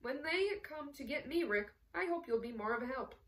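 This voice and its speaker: A sarcastic café patron with a dry, cutting delivery, put on by a woman with a fairly high voice. The sound is slightly distant from the microphone. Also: lively intonation, moderate pace, a bit bright. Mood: sardonic.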